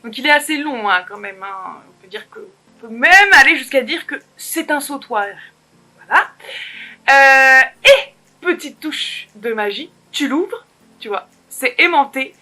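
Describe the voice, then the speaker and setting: A woman's voice: sits high, lively intonation, measured pace, pushed and bright. A woman vlogger chatting casually through an unboxing, bubbly and playful, talking straight to her viewers. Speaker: beauty vlogger.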